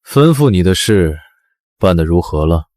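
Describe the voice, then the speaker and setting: A cool, commanding prince. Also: male voice, low-pitched, dry recording, clean studio sound. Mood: imperious. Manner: slow, calm, imperious.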